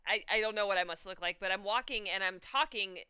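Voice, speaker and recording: A woman's voice: medium pitch, fast, pushed and bright, clean tone, no room sound, dull audio. A woman co-hosting a casual stream, chatting in a rambling way and asking her guest questions. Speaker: co-host. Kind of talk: casual chat on a video stream.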